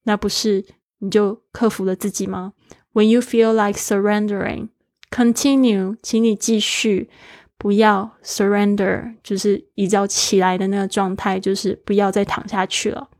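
A woman's voice: medium pitch, flat delivery, normal speed, a little mellow, no room sound, studio quality. A woman teaching a daily English lesson, spelling words letter by letter in an encouraging way.

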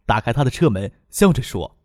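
A male narrator tells a novel with expressive storytelling, his intonation rising and falling in a lively way. The recording is dry and close, with no room sound. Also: medium pitch, brisk, no room sound. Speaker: audiobook narrator.

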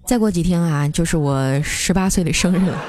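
With a lowish voice and a slightly fast delivery, a young podcast host tells funny everyday stories, laughing playfully and imitating quoted family voices. It's comic storytelling with music playing under her voice.

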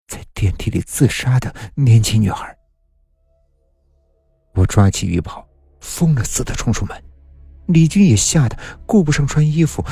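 A man's voice: mid-range voice, dark tone, slightly rough, no room sound. A man narrating a horror story in a dramatic, suspenseful way. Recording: dry close mic with faint music.

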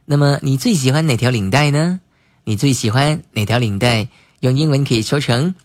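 Calm male teacher who drills English vocabulary by repeating it, in a dry booth. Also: mid-range voice, no room sound. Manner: spells words letter by letter and repeats phrases slowly. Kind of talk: slow vocabulary lesson.

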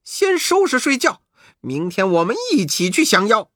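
A brash monkey king barks taunts and orders, as a male storyteller acts him out. His voice leaps high and loud with sweeping pitch. It sounds close and dry, like a storybook reading. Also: wildly swooping pitch, normal speed, no echo, exaggerated voice. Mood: brisk. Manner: shouting, scornful.

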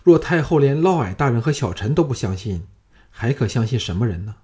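Man voicing a calm confident young general. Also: medium pitch, fairly quick, natural voice. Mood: earnest. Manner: composed, persuasive.

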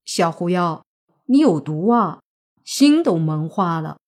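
A woman voicing a kind, easygoing young man who has become a zombie, in a relaxed, plain-spoken way. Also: on the low side, slow pace.

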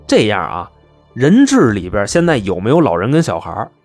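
A man doing a smooth placating negotiator. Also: on the low side, huge pitch swings, a little fast, faint music behind, exaggerated voice. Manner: soothing, wheedling.

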